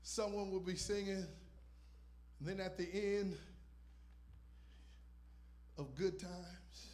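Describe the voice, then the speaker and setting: High-voiced preacher, shouting and hushing. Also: male voice, steady tone, slow. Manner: preaching with rising shouts and hushed asides. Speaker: visiting pastor. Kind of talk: sermon. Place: church stage with purple lights. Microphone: handheld microphone.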